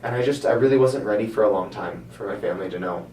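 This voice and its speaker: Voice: low voice, quick pace, darkish tone. A person speaking informally as a counselling client, hesitant and searching for words. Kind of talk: hesitant conversation. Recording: roomy, distant mic, faint noise.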